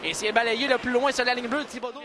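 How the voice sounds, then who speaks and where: A man with a Quebec French accent giving excited play-by-play hockey commentary over a loud arena crowd and music. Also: extremely high pitch. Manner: rapid play calls rising to shouted goal calls.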